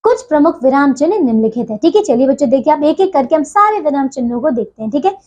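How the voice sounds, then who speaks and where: A woman with a high voice teaches a class of children. She explains step by step, keeps checking that they follow, and reads example sentences out slowly. The recording sounds a little muffled and lo-fi. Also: very animated. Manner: repeats "theek hai" as a filler, addresses children warmly. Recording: dull lo-fi sound.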